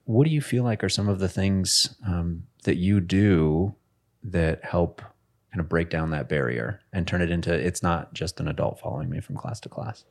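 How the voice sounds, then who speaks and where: Male interview host with a very deep voice, thoughtful and measured. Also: a little mellow. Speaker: podcast host, former administrator. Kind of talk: interview questions.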